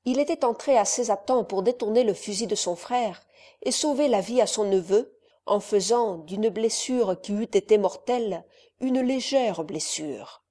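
A woman reading a novel aloud in a measured, expressive narration. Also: mid-range voice.

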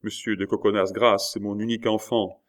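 A man's voice: fairly low pitch, fairly even intonation, normal speed, close to an everyday voice. A man pleading as a desperate old father. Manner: imploring, pleading. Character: old man, sixties, begging for his son's life.

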